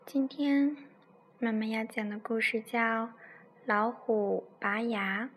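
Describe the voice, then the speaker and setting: A woman telling a bedtime story to her child as a mother, in a soft, tender, gentle way, with music playing faintly behind. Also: fairly high pitch, slow, a little hiss or hum.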